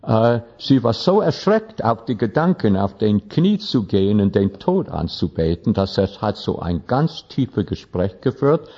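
Halting, low-voiced male preacher. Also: big pitch swings, warm tone, husky. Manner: non-native German, halting, with slips. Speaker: pastor. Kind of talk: storytelling sermon. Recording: dull lo-fi recording.

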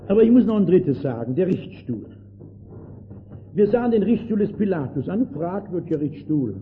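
An older man preaching a sermon with fervor, swinging between loud outbursts and hushed words. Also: on the high side. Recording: tinny old lo-fi recording with faint hiss.

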